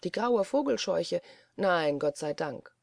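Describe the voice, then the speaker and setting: A reader voicing a sly old male servant in an audiobook, speaking calmly and dryly. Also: medium pitch, slow, gravelly, no room sound. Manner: calm, dry, sardonic. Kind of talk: audiobook character voice.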